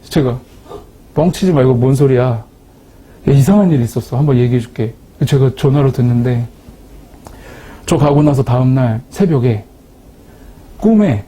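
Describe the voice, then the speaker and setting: Guy telling his faith story, warm husky voice, pokes fun at himself. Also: on the high side. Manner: lively, self-mocking storytelling. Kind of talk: storytelling testimony talk.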